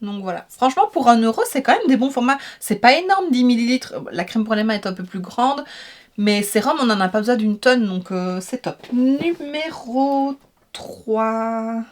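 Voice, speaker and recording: A woman's voice: a little high, animated, fairly quick. Chatty woman unboxing. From Belgium. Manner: chatty, enthusiastic, many fillers. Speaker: beauty vlogger. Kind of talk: casual unboxing chat.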